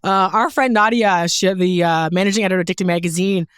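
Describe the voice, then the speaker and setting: A woman from Newfoundland, a fashion photographer, chatting as a guest in a studio and telling stories with lively energy, casual swearing and frequent laughs. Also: on the low side, quick pace, clear, resonant tone, dry recording. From Newfoundland, Canada. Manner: animated storyteller, swears casually, laughs often. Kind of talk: casual podcast chat. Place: podcast studio.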